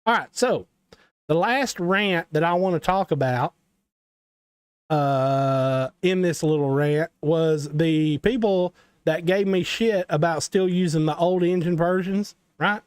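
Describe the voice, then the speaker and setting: Southern guy kinda high voice, chatty game dev tutorial stream, rambles and jokes at himself. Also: slow, clear, resonant tone, no echo. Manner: rambling, talks to viewers, self-deprecating asides. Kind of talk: casual livestream tutorial.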